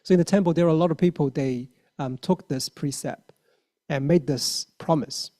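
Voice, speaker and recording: A warm, somewhat high male voice at a moderate pace belongs to a lay Buddhist speaker in his thirties from China. A native Mandarin speaker with a Mandarin accent, he gives an earnest dharma talk full of fillers and restarts.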